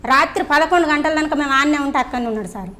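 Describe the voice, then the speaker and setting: A woman's voice: high voice, fast talker, sharp tone. A woman with a Telangana accent giving an earnest, pleading account in an interview, often addressing the interviewer as sir. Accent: Telangana Telugu. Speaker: crime victim's wife interviewed. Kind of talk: emotional first-person account.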